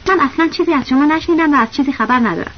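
A woman's voice: sits high, lightly acted. A woman reading the lines of a male village school principal, a chatty know-it-all who keeps cutting in with insistent, knowing remarks. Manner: knowing, insistent, talks over others. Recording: dull lo-fi audiobook recording with faint hiss.

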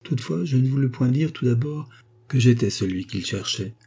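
A man reading a classic French novel aloud as scripted narration, in a steady, measured way. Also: mid-range voice, slightly rough. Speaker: audiobook reader.

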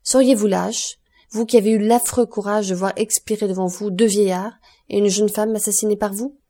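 A woman reading the part of a cold, stern male magistrate who accuses with measured contempt in an audiobook. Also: mid-range voice, steady tone, mellow, lightly acted. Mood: contemptuous.

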